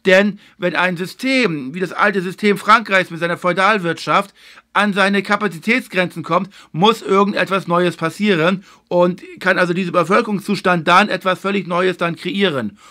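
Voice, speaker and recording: Bright-voiced man giving a history lecture. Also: high-pitched. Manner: measured, explanatory, stresses key points; filler phrase "eben halt". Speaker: lecturer and host of a video series.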